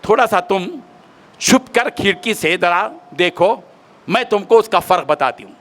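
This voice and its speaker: A man's voice: high voice, expressive, moderate pace, fairly bright tone. A man voicing a clever village wife who complains plaintively, in his own ordinary voice.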